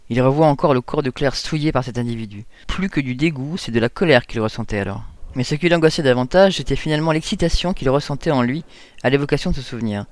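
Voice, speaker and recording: A man reading a story aloud in an even storytelling voice. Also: mid-range voice, dry recording. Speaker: narrator.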